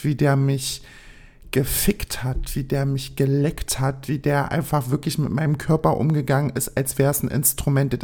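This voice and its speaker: A woman's voice: sits low, vocal fry, darkish tone. A woman in her twenties, hosting a podcast, tells personal stories in a casual, blunt, slangy way with many filler phrases. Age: 20s. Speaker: podcast host. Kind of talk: casual storytelling.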